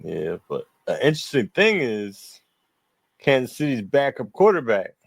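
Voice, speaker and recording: A man's voice: medium pitch, big pitch swings, measured pace, creaky, no room sound. A man co-hosting a podcast, talking football in a profane, laughing, trash-talking way. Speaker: podcast co-host. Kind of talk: casual sports chat.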